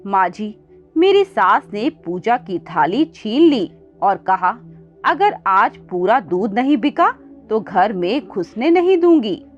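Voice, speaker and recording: A woman's voice: medium pitch, very animated, slow. A woman voicing a poor young wife who pleads tearfully for her lost husband, over faint music on a dull recording. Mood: pleading.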